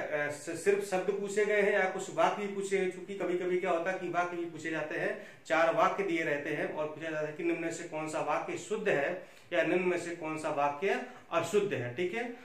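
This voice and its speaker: Guy teaching grammar in a super echoey room, high voice, mic kinda far off. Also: fairly bright tone. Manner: repeats "theek hai" constantly, coaxing and instructive. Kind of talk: classroom lecture on spelling. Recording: very echoey room, distant mic, faint hiss.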